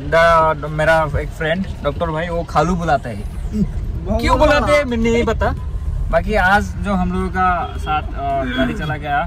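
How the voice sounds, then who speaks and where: A man's voice: high-pitched, lively intonation, normal speed, crowd noise. A young man chatting casually to viewers in a travel vlog, recording on a handheld phone in a car and outdoors. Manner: chatty, addresses viewers as guys, upbeat. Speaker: travel vlogger. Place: inside a car, then outdoors at a scenic viewpoint. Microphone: phone camera held at arm's length.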